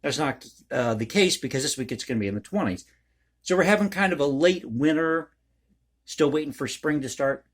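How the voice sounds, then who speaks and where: A man's voice: on the high side, lively intonation, a little fast. A man hosting a casual ad-libbed vlog, talking in a rambling, folksy, conversational way. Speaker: online video host and commentator.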